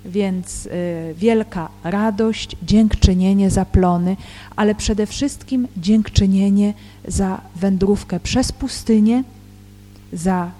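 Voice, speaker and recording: Slow, measured woman reading scripture. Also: mid-range voice, warm tone. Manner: measured, deliberate reading with hesitant fillers when explaining. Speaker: Bible teacher. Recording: long reverb with faint background music.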